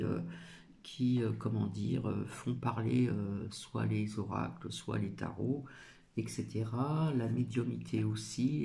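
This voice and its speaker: A man's voice: mid-range voice, vocal fry, dark tone. A man hosting his channel in a casual chat to viewers, hesitant and full of filler sounds, mumbling his words at times. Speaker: channel host.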